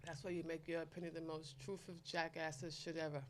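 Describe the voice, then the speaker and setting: A woman's voice: sits low, a little fast, crowd noise. A woman talking bluntly and animatedly as a guest on a casual podcast. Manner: blunt, streetwise, animated storyteller. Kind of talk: casual chat.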